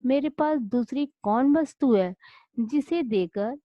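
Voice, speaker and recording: A woman voicing a poor, gentle old male beggar-saint who loves children. She speaks humbly and pleadingly in a storybook reading. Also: high voice, animated, takes it slowly, dry recording. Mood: earnest. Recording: dull lo-fi dry recording.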